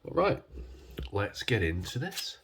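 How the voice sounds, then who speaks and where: A man congested with a cold, talking casually and hesitantly as he hosts a hands-on demonstration, his voice husky from man flu. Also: lowish voice, big pitch swings, unhurried, a bit bright, a little hiss or hum. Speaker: video host.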